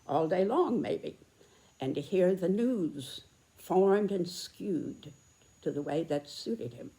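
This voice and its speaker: A woman in her nineties with an American accent, giving reflective spoken commentary in a deliberate, earnest way with emphatic phrasing and pauses. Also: on the low side, animated, mellow. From United States. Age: 90s, very old. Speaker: video host, personal commentator.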